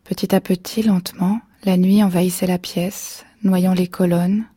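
Hushed female storyteller for a whispered story reading, very breathy, mellow tone. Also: lowish voice, level tone, dry recording, studio quality. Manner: soft, slow, hushed. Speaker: narrator.

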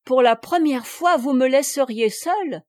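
A proud young courtesan answers curtly, with cool disdain, as a woman reads her. Her voice is pitched a little high and raised above the narration, dry and close to the mic. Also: expressive, a little slow, dry recording. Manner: curt, cool.

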